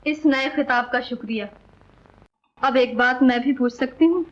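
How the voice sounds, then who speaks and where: A wronged, dignified young wife. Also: female voice, high voice, unhurried. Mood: wounded. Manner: formal, pleading, dignified Urdu diction. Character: wronged young woman Hamida, proud and dignified. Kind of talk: 1940s film acting. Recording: dull old film soundtrack.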